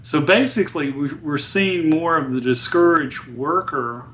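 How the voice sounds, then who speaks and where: A man speaking as a guest economist in an interview, explaining data in a measured, deliberate way. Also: fairly high pitch, a bit bright, slight background noise.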